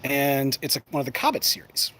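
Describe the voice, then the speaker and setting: A man's voice: medium pitch, expressive, brisk, bright, forceful tone. A man chatting casually to camera as a show host, folksy and playful, often rambling and breaking off mid-thought. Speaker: host of a pipe smoking show. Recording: clear background noise, ambient sound.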